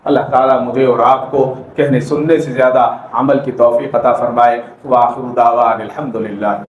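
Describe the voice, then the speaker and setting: A man preaching a sermon at a mosque gathering, telling stories and swinging from raised to hushed delivery. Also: mid-range voice, steady tone, muffled recording, slight background noise. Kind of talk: sermon with storytelling. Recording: echoey hall.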